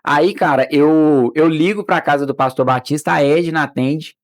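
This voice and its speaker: A middle-aged Brazilian man, a podcast guest, sharing his personal faith testimony in casual conversation, telling it as an animated story full of restarts and acted-out dialogue. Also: on the high side, moderate pace. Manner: animated storyteller who acts out quoted dialogue; frequent restarts and filler words.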